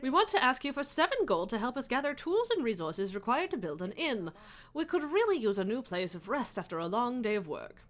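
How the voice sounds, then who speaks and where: A woman's voice: fairly high pitch, sing-song, brisk. A woman voicing a humble villager in a game, addressing a monarch with formal deference.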